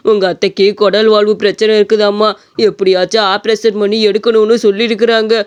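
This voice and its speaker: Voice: mid-range voice, flat delivery, fast, clear, resonant tone, lightly acted. A voice actor with a Tamil accent playing a worried older father in a cartoon story, weary and pleading. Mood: humble.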